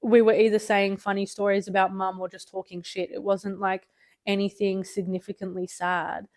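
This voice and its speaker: A woman in her twenties or thirties, hosting a podcast. She talks openly and earnestly at a middle pitch and swears without a second thought. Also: flat delivery, normal speed, a little mellow. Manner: open, earnest, swears freely. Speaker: podcast host. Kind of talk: candid conversational podcast.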